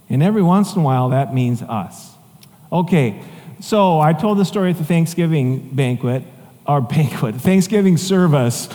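High-voiced pastor in a reverberant church. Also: male voice. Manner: conversational, animated storytelling with asides and chuckles. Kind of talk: sermon with personal storytelling. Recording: long reverb of a large hall.

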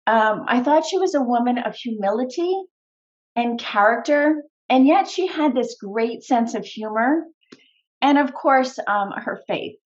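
A woman on a podcast shares personal stories in an earnest, heartfelt way, pausing on small fillers. Her voice sits a little high. The audio sounds slightly dull and lo-fi. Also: lively intonation. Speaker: podcast guest. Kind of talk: conversational interview answers.

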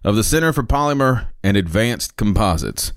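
A man's voice: lowish voice, very animated, normal speed, no echo, clean studio sound. A man hosting a podcast in a playful, jokey casual chat, hamming up his lines. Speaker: podcast host.

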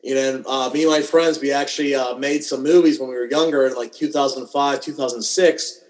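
Speaking a little fast over a video call, this western Pennsylvania man has a medium-pitched, darkish voice with fairly even intonation. In a relaxed interview, the wedding videographer shares stories full of dry humor aimed at himself.

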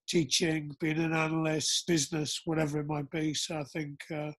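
A man with a raspy, creaky voice hosting a podcast in a casual, chatty way. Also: fairly high pitch, level tone, normal speed, a bit bright. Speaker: podcast host.

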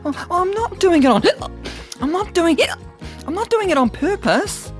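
A woman's voice: very high-pitched, expressive, moderate pace, faint music behind, pitched above the performer's own voice. A woman voicing a worried young boy with the hiccups in a children's story. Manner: whiny, worried.

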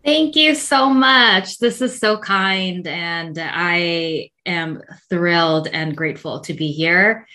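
A woman's voice: lowish voice, slow, hardly any pauses, bright, forceful tone. A woman from South Korea, a podcast guest, giving reflective answers in an earnest manner with light laughs.

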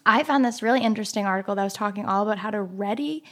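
A woman's voice: mid-range voice, very fast. A woman with a Boston accent co-hosting a casual chat, playful and chatty, reading through a list and asking questions. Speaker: co-host.

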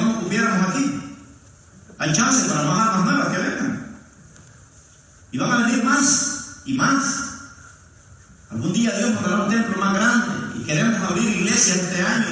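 A man's voice: high voice, a bit bright, distant mic. Man preaching in an echoey church hall. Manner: joking with the congregation. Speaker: pastor. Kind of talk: sermon. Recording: echoey hall, mic from afar.

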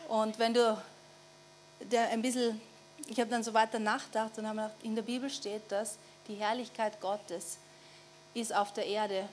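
A woman with an Austrian German accent preaching a conversational sermon. She often asks the audience for assent and slows down to stress key phrases. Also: fairly high pitch, flat delivery. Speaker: pastor. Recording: faint mains hum.

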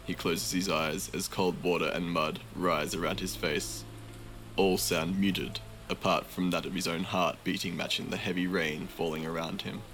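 A man narrating a tabletop fantasy game as game master, in slow, measured, vivid storytelling. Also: low voice, steady tone, fairly bright tone, a little hiss or hum.

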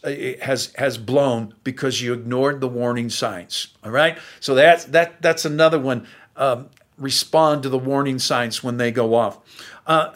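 Older pastor guy in his 60s, folksy sermon, kinda high voice, talks right to the men. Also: a bit bright. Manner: earnest, folksy, addressing men directly.

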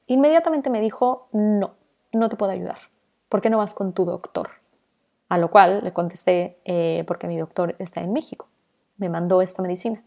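A young adult woman, hosting a podcast and telling a personal story, lively and acting out the people in it. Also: mid-range voice, moderate pace, gravelly. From Mexico. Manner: animated, acts out the people in her stories. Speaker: podcast host.

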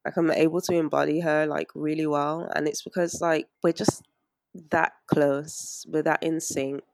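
A woman, an interview guest talking anxiously in a halting way with many fillers and restarts. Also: low voice, little pitch movement, gravelly, no echo, studio quality. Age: 20s. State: anxious and strained. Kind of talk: emotional interview.

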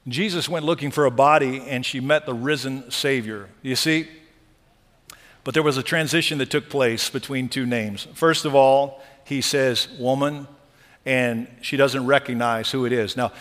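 A man preaching a sermon, shifting between hushed, tender lines and loud, emphatic ones. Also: medium pitch, fairly even intonation, moderate pace, big-room sound. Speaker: pastor.

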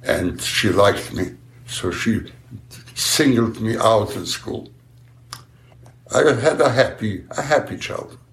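A man in his nineties from Galicia, answering interview questions haltingly and repeating words as he searches for them. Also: fairly low pitch, expressive, reverberant. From Galicia, then Poland, now Ukraine. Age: 90s. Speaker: interviewee, survivor. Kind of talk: slow unhurried answers in an interview.

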